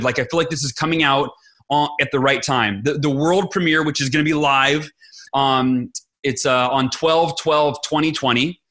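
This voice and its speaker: A man's voice: on the high side, pushed and bright. A middle-aged man, an interview guest, telling a personal story with enthusiasm and often quoting what others said. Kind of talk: animated storytelling in conversation.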